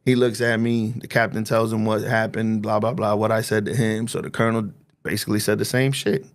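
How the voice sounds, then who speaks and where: A man's voice: lowish voice, level tone, brisk. A man, a guest telling stories in a streetwise, profane way and acting out the dialogue. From New Jersey. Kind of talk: casual storytelling.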